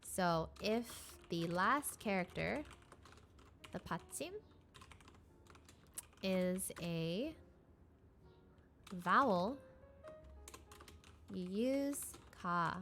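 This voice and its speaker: A woman's voice: lowish voice, lively intonation, drawn-out words, pauses often, fairly bright tone, slight background noise. A woman giving a casual live-streamed beginner lesson, explaining with lots of fillers and restarts. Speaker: streamer teaching Korean.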